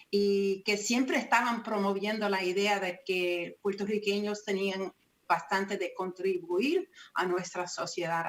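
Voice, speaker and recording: Earnest Connecticut-raised woman guest. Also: medium pitch. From Connecticut, USA. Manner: earnest, halting with repeated words. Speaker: guest, founder of a nonprofit. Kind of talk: radio interview.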